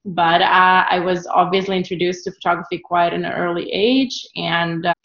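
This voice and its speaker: In a reverberant, lo-fi recording, a woman in her thirties from Ukraine speaks at a normal speed with a fairly low pitch. She's a travel photographer appearing as a guest, answering questions relaxedly with plenty of fillers and restarts.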